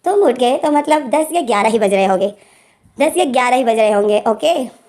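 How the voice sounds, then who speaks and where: A woman with a sore throat voicing a calm young man who teases his fiancé, speaking in a relaxed, teasing way. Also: a little high, moderate pace, natural voice.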